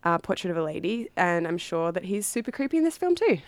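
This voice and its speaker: A woman's voice: fairly low pitch, sing-song, fast talker, dry recording. An Australian woman co-hosting a radio show, chatting casually with a sardonic edge and plenty of ums and likes. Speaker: radio co-host. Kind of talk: casual chat.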